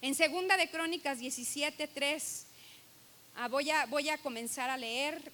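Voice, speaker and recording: A woman with a high, sharp-toned voice preaches unhurriedly to her church. She is earnest and emphatic, stressing key words and reading scripture aloud.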